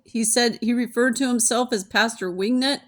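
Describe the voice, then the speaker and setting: A woman's voice: on the high side, normal speed. A woman in casual chat who laughs a lot and asks questions, recorded in a secretly taped conversation.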